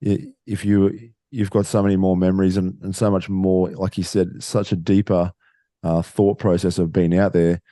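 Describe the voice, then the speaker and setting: A man with a low, flat voice and a dark, mellow tone hosting a podcast. He speaks casually and haltingly, restarting phrases as he works out his point. The sound is dry and close. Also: no room sound. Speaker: podcast host. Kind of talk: casual chat.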